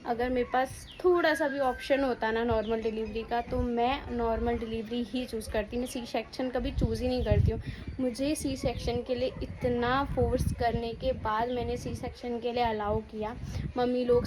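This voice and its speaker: A woman's voice: on the high side, little pitch movement, normal speed, noisy background. A young woman vlogging and tearfully telling her own story, often repeating herself. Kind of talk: emotional personal vlog.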